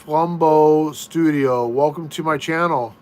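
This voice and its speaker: Relaxed American man hosting a live chat. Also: fairly high pitch. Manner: easygoing, slow, repeats himself and restarts. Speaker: live stream host. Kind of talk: casual live chat reading viewer comments. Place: room at home.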